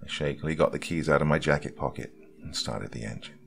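A man narrating a scripted first-person horror story in a slow, hushed storytelling delivery, recorded close on a studio mic. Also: very deep voice, gravelly, faint music behind.

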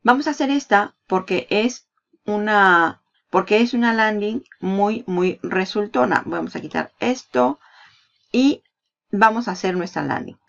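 A woman's voice: mid-range voice, animated, a little slow, creaky. A woman giving a chatty screen-share marketing tutorial, explaining each step with asides. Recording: slightly dull lo-fi sound.

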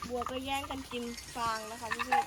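A woman's voice: a little high, little pitch movement, a little fast, crowd noise. A young adult woman vlogging outdoors at a forest cattle pen. She talks chattily and politely, speaking to her viewers on a handheld phone. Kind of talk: casual vlog tour. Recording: loud outdoor noise with cattle nearby.

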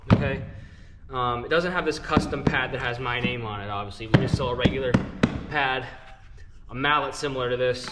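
The recording is very noisy as a young glove channel host, out of breath and fairly high-voiced, talks casually to camera. He walks viewers through how to do something in a chatty, instructive way, calling them "guys."

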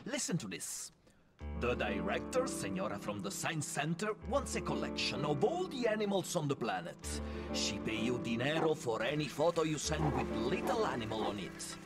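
A man's voice: a little high, big pitch swings, moderate pace, loud music behind the voice. An actor voicing a boastful, scheming male robot sidekick in a video game, talking in salesman patter sprinkled with Spanish words. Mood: wheedling.

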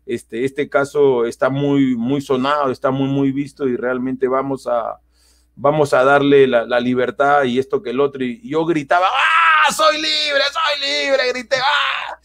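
A man, telling a personal story in casual chat, animated and acting out quotes with many restarts. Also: medium pitch, moderate pace. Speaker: guest.

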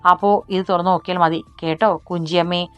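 A woman voicing a gentle, affectionate older brother who soothes his sister. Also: fairly low pitch, fairly even intonation, fairly quick, clean tone, soft background music, natural voice. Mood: tender. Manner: soothing, fond.

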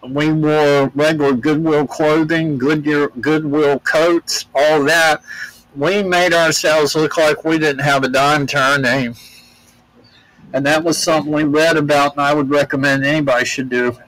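Slow, dry-sounding older American man. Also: on the high side, little pitch movement, fairly bright tone, dry recording, rough recording. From United States. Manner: rambling, many restarts and fillers, plainspoken. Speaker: interview guest. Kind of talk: relaxed storytelling in an interview.

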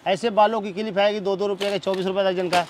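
Fast-talking shopkeeper reeling off prices. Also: male voice, high-pitched, slight background noise. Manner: reels off prices in a steady patter. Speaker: wholesale shopkeeper. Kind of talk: rapid sales price listing. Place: small crowded cosmetics shop, indoors.

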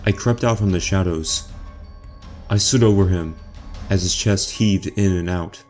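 Deep, dark-voiced male horror narrator. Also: measured pace, faint music behind. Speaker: first-person narrator.

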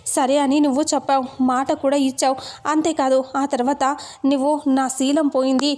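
A woman's voice: high-pitched, level tone, moderate pace, lightly acted. A woman reading the lines of an angry young husband who feels betrayed, in an accusing tone. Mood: bitter accusing. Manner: accusing, shouting.

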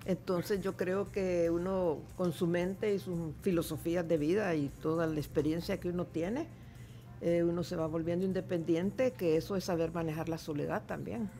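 A Salvadoran woman in her seventies talks candidly on a studio microphone. Her voice is low and gravelly, and faint music sits behind her. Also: steady tone, normal speed, dark tone. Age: 70s. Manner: candid, chatty, laughs easily. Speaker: guest artist. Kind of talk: radio interview. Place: radio studio. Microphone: studio microphone with headphones.

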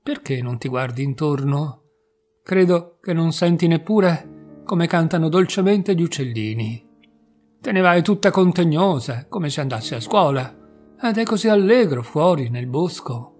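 A man voicing a cunning wolf in a storybook reading, speaking slowly and coaxingly, with soft music behind. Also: on the high side, animated. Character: cunning wolf, smooth and predatory.

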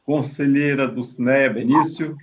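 A man, the court president, chairing a virtual session with brisk, formal procedural calls over a video call. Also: medium pitch, steady tone, muffled recording, a little hiss or hum.

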